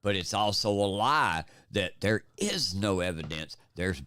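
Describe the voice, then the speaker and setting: Emphatic low-voiced podcast host. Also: male voice, animated, a little slow, fairly bright tone, clear, resonant tone, no room sound, clean studio sound. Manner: emphatic, impassioned ranting. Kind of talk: political talk podcast.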